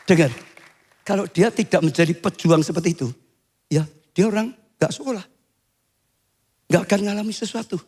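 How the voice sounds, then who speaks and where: Older male pastor, high voice. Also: normal speed, long pauses, husky. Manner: swings to high shouting when acting out cries. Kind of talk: sermon.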